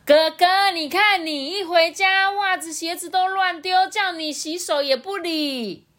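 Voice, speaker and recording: A woman voicing a scolding elephant mother in a storybook, shrill and sharp. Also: expressive, moderate pace.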